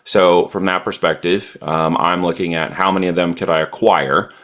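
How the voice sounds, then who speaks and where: A man's voice: low voice, fairly even intonation, normal speed, fairly bright tone. A man guest on a podcast interview, explaining e-commerce strategy in a confident, emphatic way with frequent fillers.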